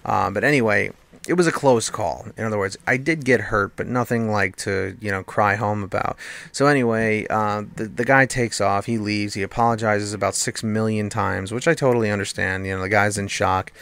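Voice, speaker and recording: Young male commentator, gravelly, dry close mic, rambling storyteller. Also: lowish voice, normal speed, a bit bright, no echo. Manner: rambling, filler-heavy, acts out quoted voices. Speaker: gameplay commentator. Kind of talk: casual storytelling over gameplay.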